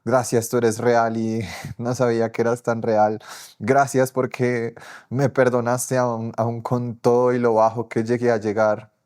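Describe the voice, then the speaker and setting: A young man shares a faith testimony in an earnest, storytelling way, his voice sitting at an ordinary middle pitch. He often acts out his own past words as he recounts them. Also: level tone, unhurried, a little mellow, clean tone. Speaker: testimony speaker.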